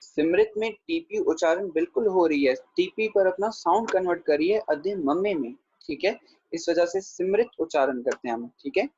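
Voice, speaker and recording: A man with a slightly high, husky voice teaches an online pronunciation class. He patiently repeats each word slowly to model how it sounds and checks in with students by name. The sound is dull and dry, with a lo-fi feel. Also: a little mellow, no echo. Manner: patient, repeats words slowly to model pronunciation, says 'theek hai' often; addresses students by name, answering their questions. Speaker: Gurbani grammar teacher.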